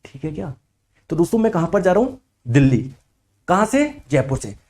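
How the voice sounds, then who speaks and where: A man with a high voice, above most men's, teaches a lively class in a brisk, animated way despite a slightly sore throat. He keeps questioning the students and then answers in their voice.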